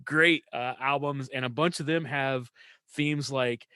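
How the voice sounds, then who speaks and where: A man's voice: medium pitch, steady tone, a little slow, bright, forceful tone, smooth, dry recording. A man from West Virginia hosting a podcast, upbeat and laughing often as he chats casually. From West Virginia, USA. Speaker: podcast host.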